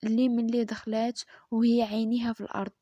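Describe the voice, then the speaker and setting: Moroccan woman storyteller, hushed and half-whispered, higher voice, dry close mic. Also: level tone, fast, dry recording, lo-fi sound. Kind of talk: storytelling narration.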